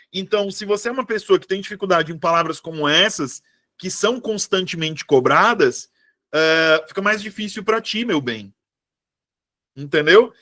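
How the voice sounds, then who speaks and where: A young Brazilian man with a high, light voice teaches Portuguese in a live online prep class. He talks in a lively, chatty way and keeps checking in with his students by name. The sound is dry and close, with no room around it. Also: dry recording. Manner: lively, addresses students by name and as "meus amores".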